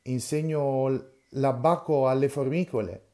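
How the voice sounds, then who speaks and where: A man reading the part of a quarrelsome old carpenter, gruff and stubborn, in a storybook reading. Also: medium pitch, steady tone, measured pace, warm tone, close to an everyday voice. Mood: plain.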